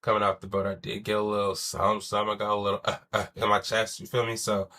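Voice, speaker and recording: This young man's lowish, sharp voice comes out fast and completely flat as he hosts a casual solo sports podcast. He's loose and slangy, swears, and sounds wheezy and stuffy with a chest cold.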